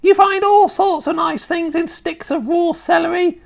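Shrill, wicked old granny. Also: female voice, fairly even intonation, gravelly. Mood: gleefully wicked. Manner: snappish, scornful, drawn-out emphatic delivery. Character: nasty, bossy, gleefully wicked tiny old grandmother.

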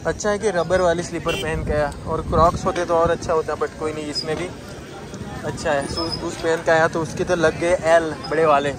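This young adult travel vlogger talks a little fast, his slightly high voice showing little pitch movement. Casually addressing viewers as "guys" from a foggy, rainy hilltop, he records on a handheld phone at arm's length, with clear outdoor background noise.

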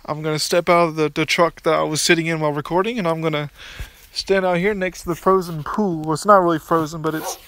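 A young gaming YouTuber talks fast in a steady, fairly bright, higher-pitched voice. Recorded on a phone outside by a pool, he rambles casually about his gameplay, keeps restarting sentences, and gets mildly crude.

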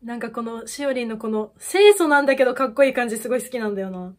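A young woman chats over a music video in a casual reaction style. Her voice sits fairly high, and she gushes with quick exclamations and bursts of laughter. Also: lively intonation. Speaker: idol fan YouTuber.

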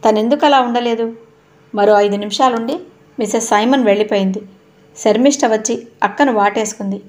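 A woman narrating an audio novel in a steady, expressive reading voice. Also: on the high side, brisk.

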